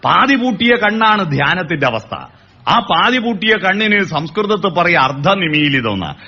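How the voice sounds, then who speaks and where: Male motivational speaker, lively delivery with sung snippets, muffled recording. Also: high-pitched, moderate pace, breathy edge. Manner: animated, sings song lines and acts out calls to make points. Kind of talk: public speech on family and education. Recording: dull lo-fi recording.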